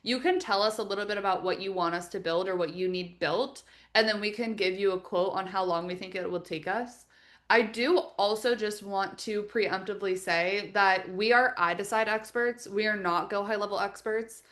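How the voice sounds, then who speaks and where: A woman leading a live webinar as a software trainer, explaining each step in a friendly, practical, instructional way. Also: medium pitch, moderate pace. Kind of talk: live webinar screen-share tutorial.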